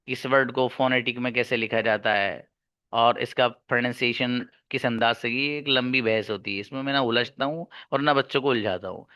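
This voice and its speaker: A male teacher gives an online class with a bright, forceful tone, emphatic and direct, reaching for examples as he explains. The sound is dry and close. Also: medium pitch, clear, resonant tone, dry recording. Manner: emphatic, addresses listeners as brother, switches into Arabic and English examples. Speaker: English teacher.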